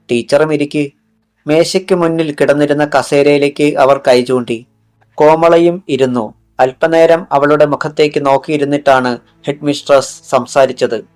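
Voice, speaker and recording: A man narrating a crime thriller audiobook in a steady, measured storytelling manner. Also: medium pitch. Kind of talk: scripted narration. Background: faint background music.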